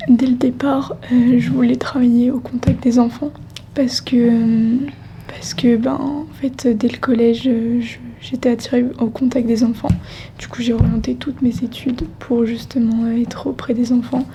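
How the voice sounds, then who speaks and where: A young woman of nineteen speaks in a hushed, fairly high voice with a very muted, dark tone and little melody. She answers interview questions hesitantly, feeling for her words. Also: little pitch movement, normal speed, highs cut off. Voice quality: hushed, soft voice. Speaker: interviewee, early childhood education student. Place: public media library, indoors. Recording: faint noise in a quiet library.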